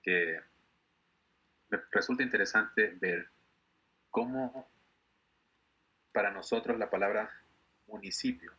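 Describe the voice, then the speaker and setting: A man from Ecuador, teaching an online class and patiently repeating words slowly for his students. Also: fairly low pitch, huge pitch swings, gravelly, sharp tone, slightly rough, dull audio. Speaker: English teacher.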